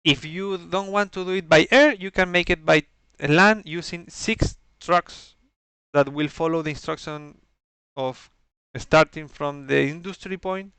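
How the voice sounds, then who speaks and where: A man with a non-native English accent giving an explanatory game briefing in a halting, methodical way, searching for words. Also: a little high, a bit bright, clean tone, no room sound. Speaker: organizer briefing players on campaign rules.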